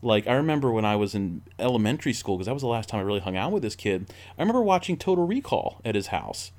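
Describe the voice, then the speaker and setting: A man's voice: fairly low pitch, sing-song, quick pace, a little mellow. A man in his forties chatting casually as a podcast co-host, rambling with lots of fillers and restarts. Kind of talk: casual chat.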